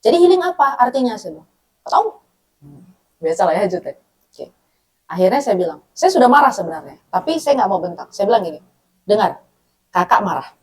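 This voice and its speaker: A woman's voice: mid-range voice, big pitch swings, fast, pauses often, darkish tone. A woman from North Sumatra giving a conversational religious talk to women, often checking in with her listeners and acting out dialogue. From North Sumatra, Batak. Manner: acts out dialogue, laughs often. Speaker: Islamic women's study speaker.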